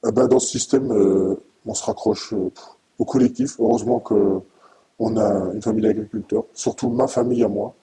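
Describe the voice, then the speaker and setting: A middle-aged dairy farmer speaks anonymously in an interview, his voice disguised by being pitched down deep. He talks haltingly and with emotion, restarting often, with fairly even intonation and a warm tone. The recording quality is low.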